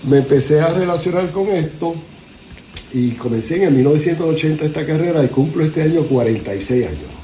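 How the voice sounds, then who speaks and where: A Puerto Rican motivational speaker in his seventies tells his life story as a guest in a conversational interview, speaking with a Puerto Rican Spanish accent. His voice is fairly high and warm, animated and brisk, with a little hiss or hum in the audio.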